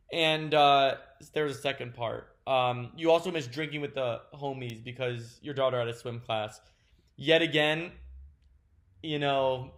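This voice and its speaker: A man giving a casual, mock-serious rant as a league commentator, sarcastic and swearing, with sudden exasperated outbursts. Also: medium pitch. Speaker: fantasy football league commentator.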